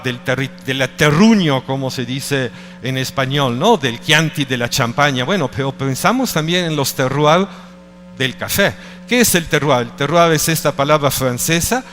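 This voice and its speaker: A middle-aged Italian man gives a conference presentation in a reverberant hall with faint music underneath. His slightly high, a bit bright voice is hesitant, and he often breaks off, restarts and searches for the right word.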